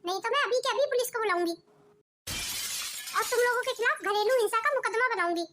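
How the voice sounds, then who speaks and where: A woman's voice: very high voice, quick pace, background noise. A woman voicing a firm, outspoken young wife in a cartoon family drama. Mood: defiant. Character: defiant young village-bred wife. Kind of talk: cartoon voice acting.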